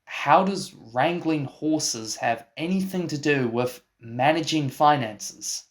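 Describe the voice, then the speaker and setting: A man in a comic radio play acts an exasperated, baffled interviewer and film producer conducting a scripted mock interview. With a fairly high voice, he speaks slowly and questions everything with dry disbelief, as if trying to get sense out of a nonsensical guest.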